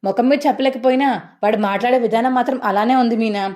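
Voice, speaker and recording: A woman voicing a worried, gentle older mother in a retold TV serial, speaking plaintively. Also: on the high side, fairly even intonation, fast, natural voice. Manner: anxious, plaintive.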